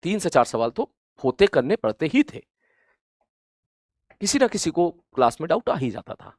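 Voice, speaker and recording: Male coaching teacher, motivational lecture, earnest and gently scolding, repeats for emphasis, grows loud when urging, dry close sound. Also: a little high, sing-song, normal speed, dry recording. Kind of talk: motivational talk to students.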